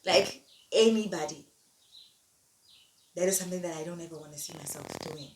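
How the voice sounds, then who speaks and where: A woman vlogger with a low, gravelly voice talks very fast in a steady tone, delivering an emphatic motivational monologue and repeating key phrases. She's recorded in an echoey room on a distant mic, with faint noise.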